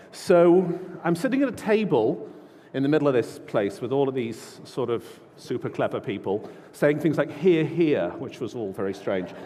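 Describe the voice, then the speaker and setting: A man's voice: on the high side, darkish tone. Guy telling stories at a big conference keynote, laid-back and self-mocking, long echo off the hall. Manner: informal, self-deprecating, storytelling. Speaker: conference speaker. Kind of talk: keynote talk.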